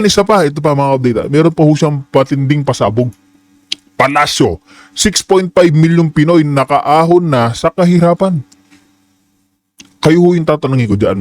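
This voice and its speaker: A man's voice: on the high side, a little mellow. A man hosting a political commentary channel, speaking heatedly and addressing his viewers politely.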